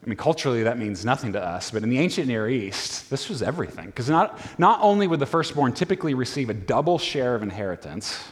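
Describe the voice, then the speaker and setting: A man preaching a conversational sermon in a casual, animated way, full of fillers and restarts, heard in a reverberant church hall. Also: mid-range voice, fast talker, few pauses, slightly rough. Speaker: pastor.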